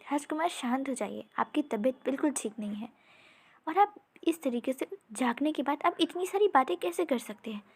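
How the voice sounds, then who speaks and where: A woman's voice: sits high, expressive, moderate pace. A woman voicing an anxious court healer who fusses insistently over a patient. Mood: worried. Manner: worried, insistent.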